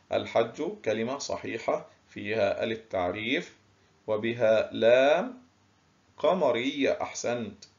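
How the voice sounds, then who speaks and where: Male teacher, unhurried, drawn-out word stress, mid pitch, muffled lo-fi sound. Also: darkish tone. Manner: slow, drawn-out word stress, praising pupils. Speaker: primary school teacher. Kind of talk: recorded classroom lesson.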